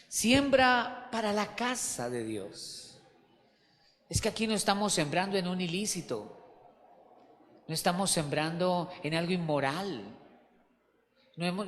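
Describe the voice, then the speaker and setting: A man's voice: sits high, fairly bright tone. A man preaching a sermon as pastor to his church, emphatic, repeating key words and asking the congregation questions. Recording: long hall reverb.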